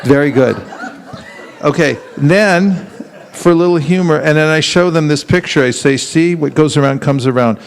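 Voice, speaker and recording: A faint crowd can be heard as a man with a somewhat high voice teaches a live seminar at moderate speed. He repeatedly throws questions to his listeners and performs street exchanges, voicing each side himself.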